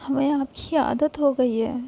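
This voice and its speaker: A woman puts on a young woman pouring out her love, pleading and unwilling to part. She speaks slowly in a high voice with a gravelly creak and a dark, mellow tone, in a spoken storybook romance. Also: fairly even intonation. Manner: pleading, slow and heartfelt.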